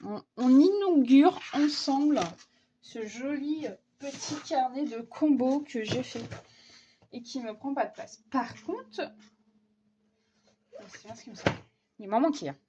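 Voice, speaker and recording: A young woman chats her way through a coloring session, slowly and hesitantly, with lots of fillers and restarts. Her voice sits a little high. The home recording sounds slightly dull, with a faint hiss behind it. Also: animated. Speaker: vlogger. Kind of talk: casual coloring vlog chat.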